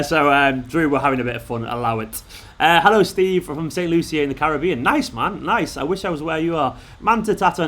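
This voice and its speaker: A man hosting a late-night live stream, chatting excitably and bantering with viewers while reading their comments out, sounding tired. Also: on the high side.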